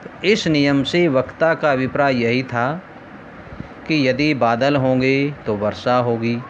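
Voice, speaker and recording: Slow, measured male teacher. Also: medium pitch, slight background noise. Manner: slow, measured explaining with rhetorical questions. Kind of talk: recorded lesson. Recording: dull lo-fi recording.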